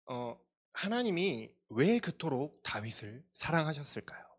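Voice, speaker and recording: A man's voice: a little high, big pitch swings, measured pace, slightly rough. A male pastor giving a sermon to a youth congregation, earnest and confessional, with self-deprecating asides. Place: church.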